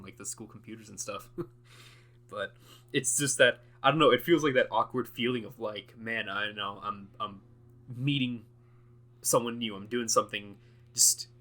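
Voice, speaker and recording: This young man has a lowish voice with a sharp edge, recording an unscripted audio diary as a casual monologue. He rambles and hesitates, full of fillers and restarts, and keeps breaking into laughter.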